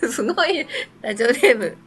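A woman hosting a casual radio show, reading out a listener's letter, often giggling and answering with soft agreeing murmurs. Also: on the high side, expressive, measured pace, soft background music.

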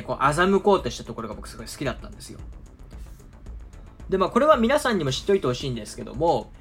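A man's voice: fairly high pitch, a bit bright. A man talking casually to viewers as a film commentator, chatty and full of easygoing asides. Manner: chatty, often drawn-out asides and filler words. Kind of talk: casual explanatory talk to viewers.

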